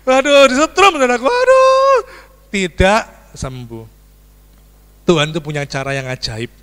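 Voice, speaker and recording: A man's voice: a little high, normal speed. A man preaching a storytelling sermon as a pastor, acting out screams and dialogue for his congregation. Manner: animated, acts out screams and dialogue, addresses congregation as "saudaraku". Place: church sanctuary. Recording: church hall reverb.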